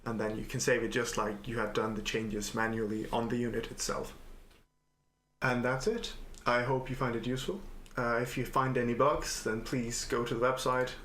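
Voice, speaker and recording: A man calmly and methodically walking through a software tutorial he made, with the odd filler "uh". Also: mid-range voice, normal speed. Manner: calm, methodical explaining with filler uhs. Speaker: software developer demonstrating his editor. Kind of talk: screen-recorded software tutorial. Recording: echoey room, faint noise.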